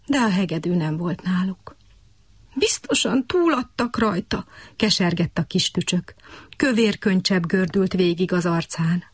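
A woman telling a radio bedtime story to children, expressive and storytelling. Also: fairly low pitch, breathy edge, no echo.

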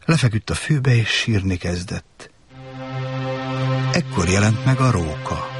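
A man narrating a storybook in a calm, measured way. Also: lowish voice, over loud music. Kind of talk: storybook reading.

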